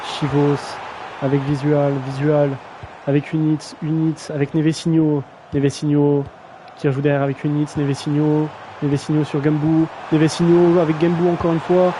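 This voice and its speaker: A man's voice: fairly high pitch, flat delivery, normal speed, mellow, slight background noise, low-quality recording. A young man casually commentating a video game match on a live stream, slangy and self-mocking, often stumbling over player names.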